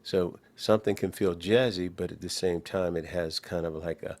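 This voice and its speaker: Deep-voiced rambling male co-host. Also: fairly even intonation, normal speed, a little mellow. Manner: rambling, filler-heavy. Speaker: podcast co-host. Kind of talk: casual interview chat.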